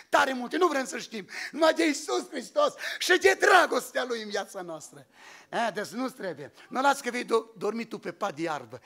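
Man preaching, very high voice, lively swooping pitch, passionate and shouting at times, church sermon. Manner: passionate, voice breaking, bursts into shouts. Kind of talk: emotional sermon testimony.

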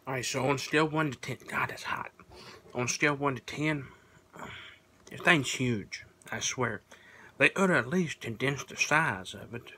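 A man's voice: medium pitch, normal speed, sharp tone, a little hiss or hum. A man reviewing food in a casual vlog, talking while chewing, plainspoken and rambling with fillers.

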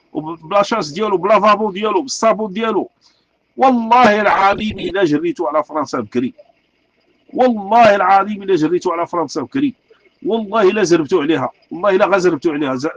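A man's voice: high voice, lo-fi sound. A man with a Moroccan Arabic accent, delivering an angry, repetitive rant full of rhetorical questions. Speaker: street artist speaking out. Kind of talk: impassioned rant.

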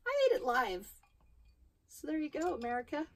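High, lively woman vlog host. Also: normal speed. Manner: chatty and playful, laughs often. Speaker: host of a tarantula keeper channel. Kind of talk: casual vlog talk.

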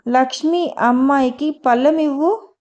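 A woman voicing a kind older mother who soothes and welcomes, her voice high yet mellow and unhurried. She speaks gently and tenderly, like a mother blessing a new daughter-in-law. The audiobook sound is muffled and lo-fi. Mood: warm, tender. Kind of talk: audiobook character dialogue.

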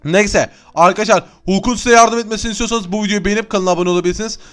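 Excitable young man playing a game. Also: sits high, rapid-fire, smooth, faint music behind. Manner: excitable, chatty, often yells and laughs. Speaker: gaming YouTuber. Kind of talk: Minecraft let's-play commentary.

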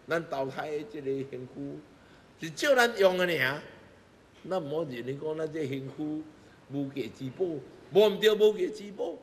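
A middle-aged man with a Taiwanese accent gives a Buddhist sermon, emphatic, with rhetorical questions and repeated phrases. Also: on the high side. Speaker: Buddhist master giving teachings. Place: temple hall before a seated congregation. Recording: echoey hall, music bed underneath.

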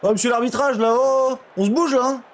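A young man commentating his own football management game live, swinging from shouts to mutters. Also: extremely high pitch, steady tone, fairly quick, a little hiss or hum. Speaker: streamer.

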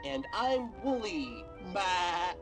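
A man's voice: high-pitched, big pitch swings, extremely slow, gravelly, music in the background, full character voice. A man voicing a meek, uneasy sheep sidekick in a children's cartoon within a horror game, hesitant and timid.

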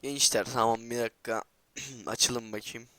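A man giving excitable gameplay commentary as a channel host, trash-talking and swearing, repeating words in rapid bursts. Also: medium pitch, dry recording.

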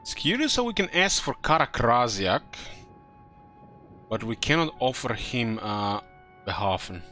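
A man's voice: mid-range voice, sing-song, a little slow, pushed and bright. A man giving casual commentary while he plays a video game. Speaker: gaming video host. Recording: game music behind. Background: video game music.

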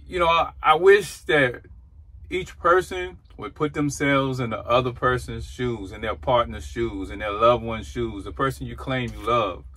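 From behind the wheel, a trucker in his forties records rambling, sincere musings for his vlog on a dashboard camera, keeping the talk casual and reflective. He speaks at a measured pace, his mid-range voice pushed and bright with fairly even intonation.

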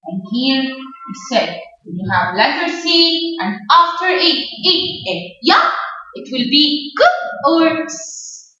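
A high, bright woman's voice with an Egyptian accent, a kindergarten teacher drawing out each word very slowly and chanting sounds in a sing-song. She sounds set back from the mic in a very echoey classroom, and the recording is dull. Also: expressive, distant mic. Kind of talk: phonics lesson for young children.

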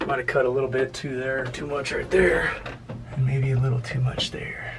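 Here a young man, working on his truck in his home garage, chats to the camera of a handheld phone in a casual, self-deprecating DIY vlog. His voice is medium-pitched and steady at normal speed, with background noise in the recording.

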